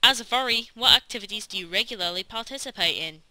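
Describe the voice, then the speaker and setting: A woman's voice: on the high side, fast talker, pushed and bright. A woman delivering scripted narration as the narrator and interviewer of a documentary.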